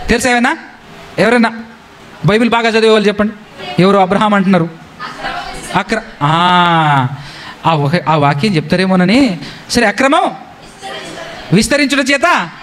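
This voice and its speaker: A man preaching a sermon, who keeps questioning his congregation and slowly draws out his scripture quotes. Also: very high-pitched, fairly bright tone, a little hiss or hum. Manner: questions the congregation and repeats key phrases.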